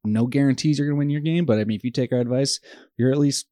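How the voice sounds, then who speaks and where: A man hosting a football podcast with an upbeat, joking energy. His voice sits at an ordinary middle pitch and sounds dry and close, with no room echo. He keeps things casual and chatty. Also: racing, dark tone. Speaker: podcast host. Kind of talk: casual sports podcast chat.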